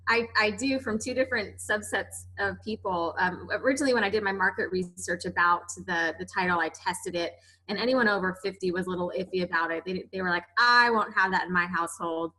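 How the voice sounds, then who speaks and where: Female guest, author, upbeat and explanatory, bright clear tone. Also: medium pitch, brisk, poor audio. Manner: upbeat, explanatory, some restarts. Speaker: author and money coach guest. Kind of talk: casual interview chat.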